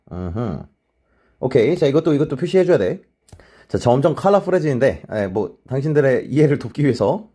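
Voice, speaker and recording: A man teaching an exam-prep lecture, talking casually and checking in with his students all the time with quick tag questions. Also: a little high, warm tone, slightly rough. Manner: mixes polite and plain speech; many short filler replies to himself.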